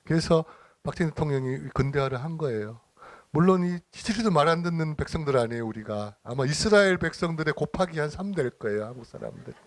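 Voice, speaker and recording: A middle-aged man giving a casual lecture, his voice sitting a little high for a man. He tells stories by playing both sides of the conversation and laughs often. The sound is close and dry. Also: animated, quick pace, dry recording. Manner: chatty storytelling, acting out dialogue, frequent laughter. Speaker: lecturer and church minister. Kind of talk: informal lecture with anecdotes.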